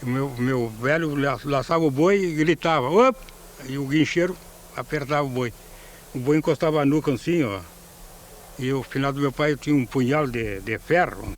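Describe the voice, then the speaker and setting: A man's voice: medium pitch, moderate pace, slight background noise. A man telling a casual, plainspoken story about his father's work. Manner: plainspoken, vivid with demonstrations.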